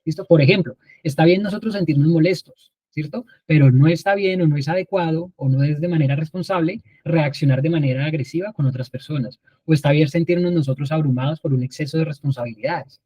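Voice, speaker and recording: A man with a somewhat high, husky voice leads a live online class. He speaks conversationally and often pauses to ask whether his students are following. The sound is close and dry, with almost no room around it. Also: warm tone, no room sound. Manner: conversational teaching, frequent check-ins with "¿listo?".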